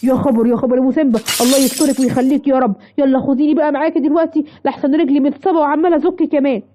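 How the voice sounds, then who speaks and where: A woman's voice: sits high, steady tone, rapid-fire, dark tone, pitched below the performer's own voice, natural voice. A woman with an Egyptian accent voicing a frightened male lion trapped in a cage, pleading for help in a children's story. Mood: grateful. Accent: Egyptian Arabic.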